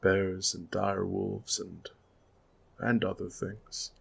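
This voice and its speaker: A man voicing a gruff older veteran soldier who mutters his words. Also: low voice, fairly even intonation, a little fast, exaggerated voice.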